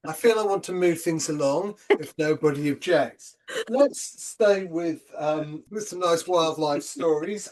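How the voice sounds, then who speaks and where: A man's voice: a little high, measured pace, a little mellow, rough recording. A man co-hosting a casual podcast, talking in a wry, teasing way. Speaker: podcast co-host. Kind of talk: casual chat.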